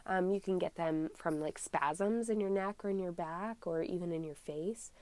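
Speaking in a voice on the low side with a darkish tone, a young woman with a cold chats through a casual solo podcast about herbalism. She sounds slightly scratchy and congested, explains things in a friendly, chatty way, and says um a lot. The pace is moderate and there's no echo.

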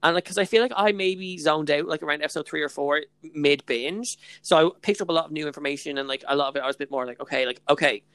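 A woman's voice: sits low, quick pace, few pauses, clean tone, no room sound. Bubbly young Irish woman chatting away. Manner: bubbly, gushing, heavy use of "like" and "literally". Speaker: podcast co-host. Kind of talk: casual chat.

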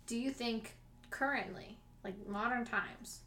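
A woman's voice: on the high side, unhurried, bright, forceful tone, slight background noise. A woman guest on a podcast, chatting casually with dry wisecracks. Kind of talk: casual chat.

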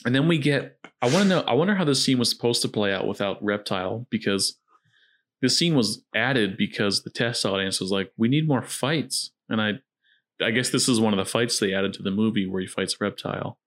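A man's voice: on the low side, brisk, fairly bright tone. A man hosting a casual film commentary, talking in a jokey, conversational way. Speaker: podcast host.

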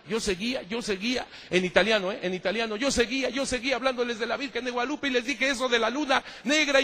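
A man, a priest, preaching with animated stories and a fairly high voice. He hammers phrases through repetition and speaks fondly to his listeners as "mijos." The voice rings with long reverb, as if it fills a large hall. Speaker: priest giving a talk. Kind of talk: lively sermon with anecdotes.

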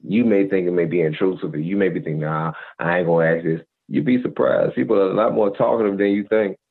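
Deep-voiced man lecturing over a tinny line. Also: steady tone, quick pace, creaky, breathy edge. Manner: preachy, repeats "you feel me". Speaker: podcast co-host. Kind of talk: casual advice monologue. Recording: tinny phone-like audio.

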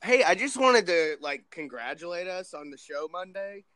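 A man's voice: sits high, expressive, moderate pace, pushed and bright, no echo. A man co-hosting a casual sports chat, emphatic and a little salty, his voice affected by illness or allergies. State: under the weather with illness or allergies. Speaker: podcast co-host.

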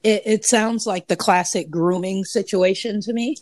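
A woman in casual podcast chat, thoughtful and measured, hedging with ums. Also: mid-range voice, a little mellow, no room sound.

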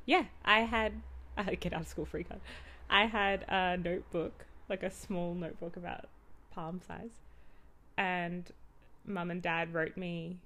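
A woman in her late twenties chatting casually on a podcast, hesitant with many pauses and restarts. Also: on the low side, steady tone, pushed and bright. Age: 20s. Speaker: podcast co-host. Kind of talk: casual chat.

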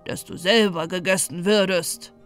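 A woman voicing a chorus of croaking frogs that shout together in a storybook. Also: fairly low pitch, steady tone, normal speed, faint music behind, close to an everyday voice. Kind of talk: storybook reading.

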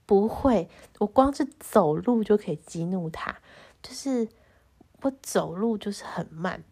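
A young woman with a Taiwanese Mandarin accent tells a personal story to camera in a casual vlog, stammering and restarting as she grows animated and aggrieved. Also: mid-range voice, a little slow, husky. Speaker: vlogger.

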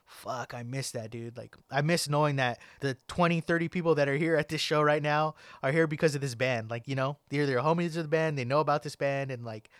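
A young man chats casually on a podcast, his voice sitting a little high. He rambles in slangy bursts, padding every thought with "like" and "man". The sound is dry and close, with no room in it. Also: fairly even intonation, quick pace, few pauses, a bit bright, smooth, dry recording. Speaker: podcast host. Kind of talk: casual chat.

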